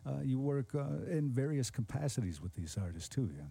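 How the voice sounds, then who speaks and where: Mellow-voiced radio show host. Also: male voice, medium pitch, expressive, fairly quick, gravelly, breathy edge, no room sound. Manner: earnest, rambling, many fillers. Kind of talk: casual interview hosting.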